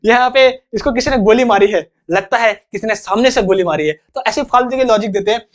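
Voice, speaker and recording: A man's voice: sits high, brisk, dull audio. A young man teaching an English vocabulary lesson in a chatty, joking way, acting out little examples.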